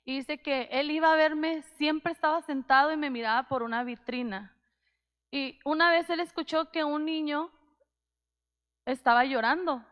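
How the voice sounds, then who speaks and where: High-voiced woman preaching in a reverberant hall. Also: moderate pace, dull audio. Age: 30s. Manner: personal storytelling, heartfelt, many restarts. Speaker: pastor. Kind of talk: sermon. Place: church hall. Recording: long reverb of a church hall.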